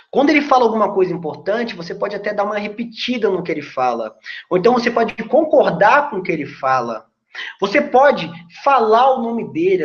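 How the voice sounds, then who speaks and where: Brazilian male sales coach, chatty lesson, animated delivery, echoey room. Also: high voice. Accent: Brazilian Portuguese. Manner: chatty, persuasive, explanatory. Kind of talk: casual video lesson. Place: seated indoors facing camera. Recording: roomy dull lo-fi recording.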